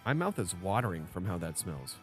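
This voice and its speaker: A man's voice: low voice, sing-song, a little fast, music in the background. A man co-hosting a casual beer podcast, joking and bantering with his friend. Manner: joking, banters and riffs on bits. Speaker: podcast co-host. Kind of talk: casual chat.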